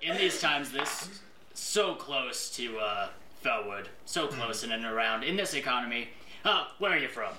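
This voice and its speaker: A man's voice: mid-range voice, expressive, moderate pace, close to an everyday voice. A man voicing a shrewd griffin seller who haggles in a pompous, mock-courteous, wheedling way. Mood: insistent bargaining. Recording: echoey room, distant mic, faint noise.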